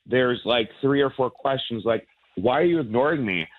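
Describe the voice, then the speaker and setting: A man's voice: medium pitch, lively intonation, normal speed. Male caller heard through a speakerphone, casual chat, rambling and filler-heavy, phone-band sound. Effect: heard over a phone speaker. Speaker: radio call-in guest. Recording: tinny phone line.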